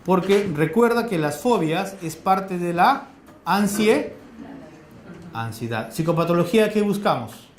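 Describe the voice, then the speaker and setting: A man with a Peruvian accent giving a classroom lecture, firing quick questions at his students in a colloquial way. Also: high voice, lively intonation, a little hiss or hum. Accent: Peruvian Spanish. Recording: echoey classroom.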